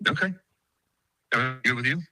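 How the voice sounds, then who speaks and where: A man's voice: mid-range voice, fast, bright, forceful tone. A male caller heard over a phone on speakerphone, making offhand, breezy small talk. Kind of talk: casual phone chat.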